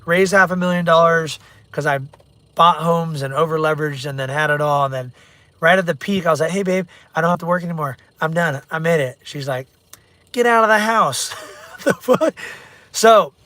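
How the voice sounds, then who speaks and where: A man's voice: on the high side, sharp tone, no room sound. A middle-aged man, a real estate agent, chatting bluntly and rambling in a casual livestream from his car while he drives and reads viewer comments aloud.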